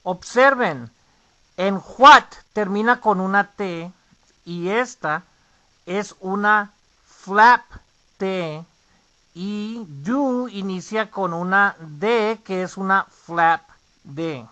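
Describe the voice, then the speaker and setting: A male English teacher guides a pronunciation lesson at an unhurried, very slow pace. He repeats each phrase so learners can copy it, in a bright, forward voice. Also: high voice, lo-fi sound.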